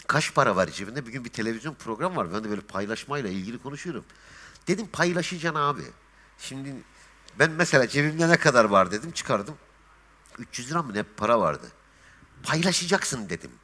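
A man's voice: medium pitch, fast. A man chatting as a guest on a talk show, telling stories and acting out the dialogue. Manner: lively storyteller, acts out dialogue. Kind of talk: casual chat.

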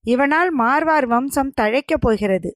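A woman voicing a frail old male hermit who speaks in a soft, feeble, dreamy voice in a told story. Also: sits high, expressive, unhurried, dry recording, studio quality. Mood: solemn.

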